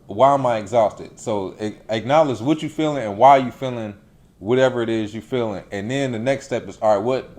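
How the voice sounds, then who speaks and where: A man in his late twenties co-hosting a vlog, giving relaxed, casual advice and acting out quoted remarks. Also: medium pitch. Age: 20s. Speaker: vlog co-host.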